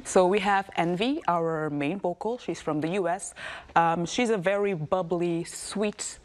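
A woman's voice: on the low side, a little slow. A young woman from Senegal, a guest talking in a friendly, chatty way with fillers. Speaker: guest, K-pop group leader and rapper. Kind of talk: casual interview chat.

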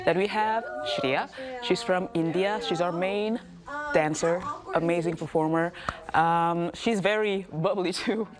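Young woman guest from Senegal, lower voice, friendly and chatty. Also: unhurried, crowd noise. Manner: friendly and chatty, with frequent fillers and laughs. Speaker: guest, K-pop group leader and rapper. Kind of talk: casual interview chat.

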